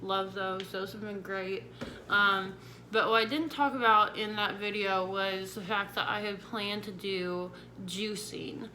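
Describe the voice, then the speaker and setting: A woman's voice: medium pitch, steady tone, a little slow, sharp tone. A woman one week into jaw surgery recovery talks casually to viewers, explaining things in a chatty, informal way. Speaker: vlogger sharing surgery recovery tips. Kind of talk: casual vlog talk to viewers. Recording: clear background noise.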